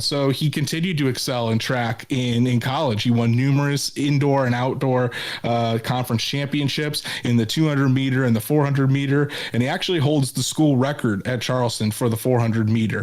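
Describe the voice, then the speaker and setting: A man with a mid-range voice co-hosting a casual sports podcast, where he also writes about sports. He talks through a player's background in a loose, chatty way, full of ums and repeated words. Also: medium pitch.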